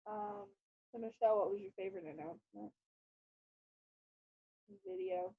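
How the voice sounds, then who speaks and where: A woman's voice: mid-range voice, steady tone, normal speed, creaky, slightly rough, dry recording. A woman casually presenting on a video call to her team, hesitant and full of fillers. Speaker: presenter of an online team meeting. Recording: tinny phone-like call audio.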